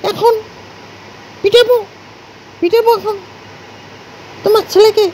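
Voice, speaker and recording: A woman playfully scolding her pet dogs on camera, firing off repeated threats and then coaxing them softly. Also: very high voice, fairly even intonation, measured pace, slight background noise, low-quality recording.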